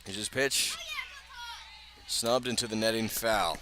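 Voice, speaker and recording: Speaking slowly in a fairly low voice, an American radio announcer calls baseball play-by-play live. He's outdoors at the ballpark, whose ambience and background noise are clearly audible.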